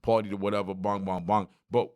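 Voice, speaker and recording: A man, hosting a solo podcast and telling stories in lively street slang straight to his listeners. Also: on the low side, fairly quick, clear, resonant tone. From Brooklyn, New York. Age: 40s. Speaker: podcast host.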